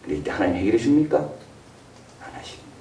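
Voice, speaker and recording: A male pastor delivers a sermon, his pitch rising and falling as he acts out the people in his story. The sound is roomy and distant, as if picked up by a mic some way from the pulpit in a church sanctuary. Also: a little fast, gravelly, slight background noise. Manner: animated, acts out voices of biblical figures and parents.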